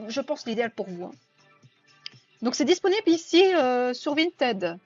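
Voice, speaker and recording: A woman from Belgium with a Belgian French accent chatting on a live stream, reading viewer comments aloud and answering them. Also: high voice. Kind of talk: casual live-stream chat. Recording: dull lo-fi sound with faint music.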